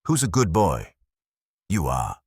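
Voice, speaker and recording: A man reading the lines of a friendly, easygoing young woman student who coos gently, in a very deep, husky voice. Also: very animated, normal speed, no echo, clean studio sound, exaggerated voice. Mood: cooing.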